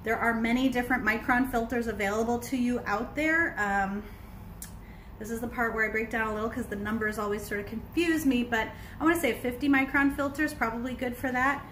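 A woman's voice: a little high, fairly even intonation, a little fast, fairly bright tone, reverberant, slight background noise, poor audio. A woman in her forties, sitting indoors, teaching kombucha brewing in a chatty, explanatory way with many fillers, recorded on a phone at arm's length. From United States. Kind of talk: casual livestream teaching. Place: indoors on a couch by large windows. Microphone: phone camera at arm's length.

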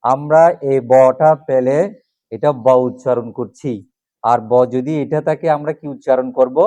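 A man's voice: medium pitch, steady tone, unhurried, warm tone, no room sound. A man teaching a class, drilling letters one by one and asking questions, then answering them himself. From Bangladesh. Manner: asks questions and repeats answers. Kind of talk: classroom lesson on alphabet pronunciation.

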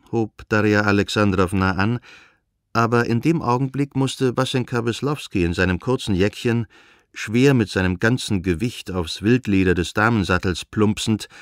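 Guy narrating an old novel, lowish voice, calm even reading, super dry close mic. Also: no room sound. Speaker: audiobook narrator. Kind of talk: literary audiobook narration.

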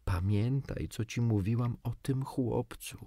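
Man doing a soft, worried mother, raised high from a low husky voice. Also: unhurried, dry recording, studio quality, natural voice. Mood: pleading. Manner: pleading, soft. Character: anxious gentle mother, pleading softly.

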